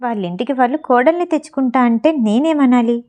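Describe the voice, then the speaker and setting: A woman's voice: sits high, lightly acted. A woman reading the lines of a young actress who is anxious and blunt. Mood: puzzled. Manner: expressive, quick to irritation.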